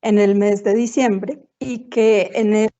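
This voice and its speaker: A woman's voice: mid-range voice, fairly even intonation, slow, dark tone. A woman giving a formal webinar presentation over a video call, her audio choppy and breaking up on a bad connection. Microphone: computer mic on a video call. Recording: muffled, cutting-out internet call.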